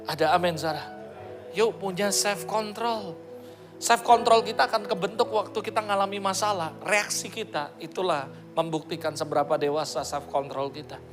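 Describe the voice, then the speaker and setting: A man's voice: sits high, fairly even intonation, normal speed. A middle-aged pastor from Indonesia preaching with energy and often calling out to his congregation. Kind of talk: sermon. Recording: sermon with music playing behind.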